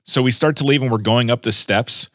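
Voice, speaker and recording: A man's voice: mid-range voice, brisk, fairly bright tone, no room sound, clean studio sound. Easygoing male radio host. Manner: friendly, laughs easily, wraps up the segment. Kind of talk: casual radio chat.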